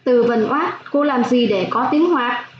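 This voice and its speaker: A woman primary school teacher giving a slow phonics lesson for young children, spelling out sounds clearly with gentle instructions. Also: on the high side, animated. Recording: echoey room, dull lo-fi sound, faint hiss.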